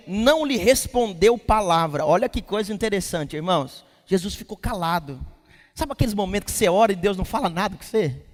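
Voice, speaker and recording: A male pastor preaching a lively sermon at a church service, quizzing the congregation and breaking into shouts. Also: very high-pitched. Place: church service in a large hall. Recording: long hall reverb from the church.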